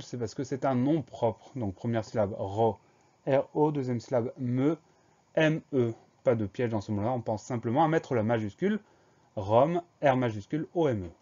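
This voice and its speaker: A man teaching a spelling lesson, spelling words out letter by letter in a slow, careful way. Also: mid-range voice, dark tone, highs cut off.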